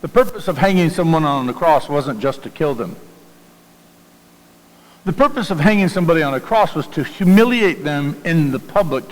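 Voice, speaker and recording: A man's voice: on the high side, expressive, normal speed. A man with a Southern US accent preaching a sermon in a conversational way, often repeating words and putting questions to his congregation. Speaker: pastor. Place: church sanctuary. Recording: long hall reverb in a church.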